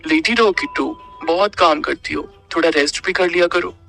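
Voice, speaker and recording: Rudra as a soft, slow young husband, read by a man. Bright, clear tone over faint background music. Audio-story reading. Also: fairly high pitch. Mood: tender.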